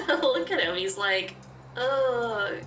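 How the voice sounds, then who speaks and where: A woman playing a game reads its story aloud expressively and reacts chattily in let's play commentary, speaking very slowly in a slightly high, animated voice with a bright, forceful tone. The recording is roomy and distant, with game music behind and slight background noise.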